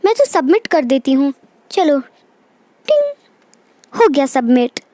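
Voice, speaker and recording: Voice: high-pitched, very animated, slow, warm tone, no echo, full character voice. A performer voicing Preeti, a cheeky, careless schoolgirl doll in a storybook tale who chats to herself. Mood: chatty. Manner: chatty, talks to herself. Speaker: daughter. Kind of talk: Hindi doll story voice-acting.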